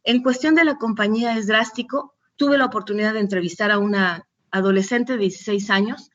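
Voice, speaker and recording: A middle-aged Mexican woman, a doctor, gives a recorded lecture in a conversational style, sharing patient anecdotes with frequent restarts and fillers. She speaks briskly in a medium-pitched voice with a Mexican Spanish accent, and the sound is lo-fi.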